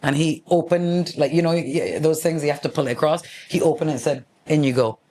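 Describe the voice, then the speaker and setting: A middle-aged man hosting his own show, telling stories in a lively, casual monologue and acting out the people in them. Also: fairly high pitch, fairly quick, a little hiss or hum. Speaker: host, former radio host.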